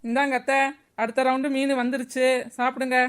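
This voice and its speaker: Fast-talking woman, high voice, chatty cartoon family voices. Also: level tone, clean tone. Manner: quick, chatty, pleading. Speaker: cartoon narrator and voice of mother and granddaughter. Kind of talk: cartoon voice acting.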